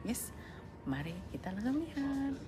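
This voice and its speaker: A woman's voice: sits high, sing-song, normal speed, over loud music. A woman in her forties vlogging casually from a hospital, chatting and slipping into broken English. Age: 40s. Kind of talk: casual vlog chat. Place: hospital lobby and clinic rooms. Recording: echoey room, distant mic, loud background noise.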